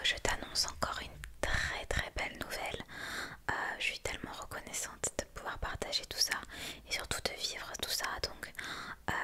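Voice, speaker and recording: A young woman whispers closely in a breathy voice, chatting intimately and unscripted to one listener in an ASMR style. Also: bright, forceful tone. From France. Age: young adult. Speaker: ASMR creator and vlogger. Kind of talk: whispered ASMR casual chat.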